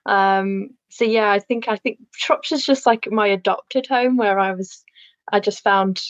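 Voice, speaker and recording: A woman's voice: medium pitch, measured pace, no room sound. A woman from Lancashire, a podcast guest, chatting casually and laughing often, with many fillers. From Lancashire, England. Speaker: podcast guest, landscape architect. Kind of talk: casual interview chat. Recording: dull lo-fi dry sound.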